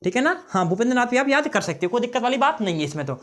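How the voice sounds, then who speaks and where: A man's voice: very high-pitched, big pitch swings, rapid-fire, a bit bright. A male teacher giving an exam-prep lesson on memory tricks, often checking in with his students and repeating key phrases.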